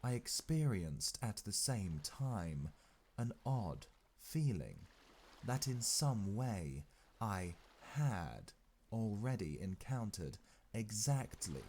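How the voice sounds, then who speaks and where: A man reading a classic novel aloud as an audiobook narrator, in a measured delivery, phrase by phrase with frequent pauses. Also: lowish voice, vocal fry, darkish tone, slight background noise.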